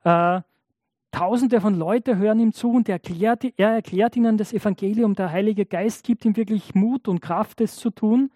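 A man's voice: sits high, moderate pace, mellow, dry recording. Conversational male preacher, dry sound. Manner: conversational, often asks the congregation "oder?"; acts out biblical and imagined speakers in changed voices. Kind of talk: sermon.

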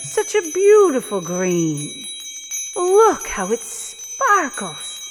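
A woman's voice: high voice, huge pitch swings, very slow, over music, exaggerated voice. A woman playing a gracious, refined queen in a fairytale audio drama, speaking in a regal way. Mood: admiring. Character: gracious, gentle queen and new mother. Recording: reverberant hall, noise and chimes behind.

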